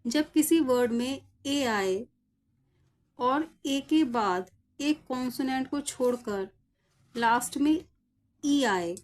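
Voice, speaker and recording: A woman teacher with a fairly high voice explains pronunciation rules at a slow, unhurried pace. She spells out each word letter by letter before saying it, patient and methodical throughout. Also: a little mellow. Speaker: English teacher.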